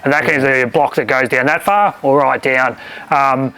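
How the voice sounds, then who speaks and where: A man's voice: mid-range voice, steady tone, moderate pace, pushed and bright, poor audio. An Australian man, a builder, explaining things casually and practically as he presents a site walkthrough. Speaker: builder co-hosting a home-building show.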